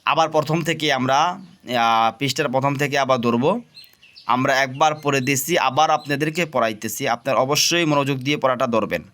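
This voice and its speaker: Bright-voiced male reading teacher. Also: mid-range voice. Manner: slow, drawn-out syllable drills spelling letters and vowels; addresses students directly, explains rules then repeats. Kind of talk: recorded Quran reading lesson.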